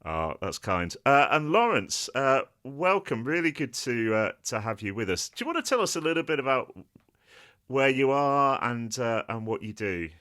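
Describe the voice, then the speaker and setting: A man's voice: medium pitch, sing-song, moderate pace, pushed and bright. A man hosting a podcast over a video call, talking in a friendly, casual way with lots of "uh" fillers. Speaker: podcast host.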